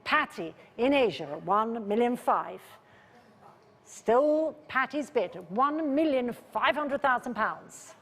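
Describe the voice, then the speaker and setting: A woman's voice: a little high, expressive, takes it slowly, a bit bright, husky. A woman auctioneer calling a live sale, repeating bid figures insistently in a polite, controlled way. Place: large indoor auction room. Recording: reverberant large saleroom.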